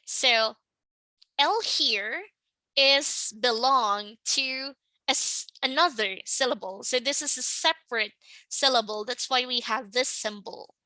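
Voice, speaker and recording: High bright-voiced woman teaching slowly. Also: no room sound, low-quality recording. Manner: patient, checks in with "right?" and "okay?". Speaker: English pronunciation teacher. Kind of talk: slow explanatory lesson.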